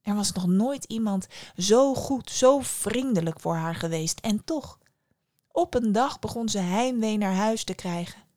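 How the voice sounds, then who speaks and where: A woman podcast host narrating a fairy tale in a calm, expressive way. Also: medium pitch, unhurried, dry recording, clean studio sound.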